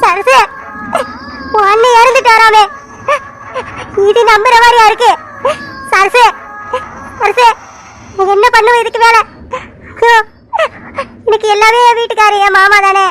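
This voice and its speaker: Alamelu, sobbing village wife. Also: female voice, very high-pitched, steady tone, measured pace, pauses often, sharp tone, slight background noise, heavily acted, poor audio. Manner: wailing, pleading. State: crying.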